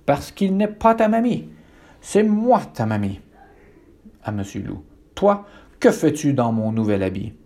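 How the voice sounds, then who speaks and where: A man's voice: mid-range voice, very animated, unhurried, long pauses, a little mellow. A man voicing a scheming old grandmother who talks in a defensive, snappy way. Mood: sharp. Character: shrill scheming old granny.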